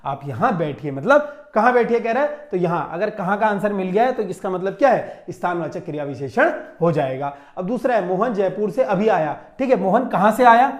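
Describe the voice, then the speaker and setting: A man with a high, light voice explains a mock exam the way a coaching teacher does. He goes over each answer more than once and draws key words out slowly. He keeps checking in with the class as he moves on. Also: animated. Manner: repetitive, checks with frequent "theek hai", stretches key terms slowly. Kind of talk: Hindi grammar lesson solving a mock test.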